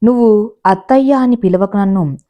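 A woman's voice: mid-range voice, normal speed, dull audio, lightly acted. A woman reading the lines of a stern, irritable older mother-in-law in a storybook audio drama. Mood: irritated.

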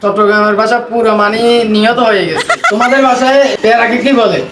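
A man with a high voice and a Feni Bengali accent hosts in a casual, chatty vlog style. He sounds roomy and echoey, with some noise behind him. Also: quick pace. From Feni, Bangladesh. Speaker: video host asking questions. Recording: distant, echoey room with background noise.

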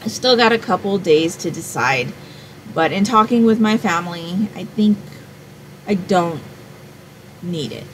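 A woman's voice: fairly low pitch, a little slow, pauses often, slight background noise, low-quality recording. A woman in her forties, from Hawaii, chatting to camera as a home fragrance vlogger in a small room at home, rambling and thinking aloud. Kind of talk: casual chat to camera.

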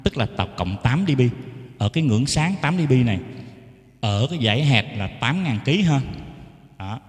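A man's voice: medium pitch, sing-song, normal speed. A man gives a casual how-to lesson on keyboard mic settings. He explains each setting and tests the mic with short sung syllables. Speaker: keyboard sound tutor. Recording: echoey room with long reverb.

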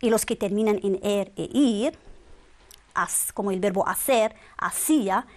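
A woman's voice: medium pitch, a little slow. A woman teaching a grammar lesson, drilling verb forms one by one with patient quiz questions. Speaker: Spanish teacher.

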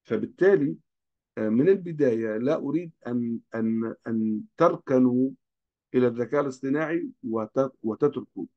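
A man's voice: mid-range voice, a little fast. Male lecturer, earnest cautionary delivery, muffled lo-fi recording. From Libya. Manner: earnest, cautionary, pleads with students.

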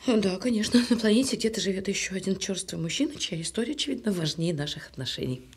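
In a naturalistic audio drama, an actress plays a hurt, sarcastic woman who doubts her partner. Her husky, mid-range voice is animated and fast, with a wry, pointed delivery.

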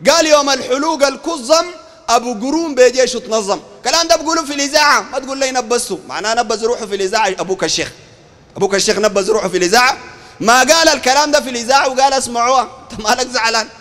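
A man with a Sudanese Arabic accent preaching a street sermon, animated and throwing rhetorical questions at his listeners. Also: extremely high pitch, rapid-fire, big-room sound. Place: outdoor market.

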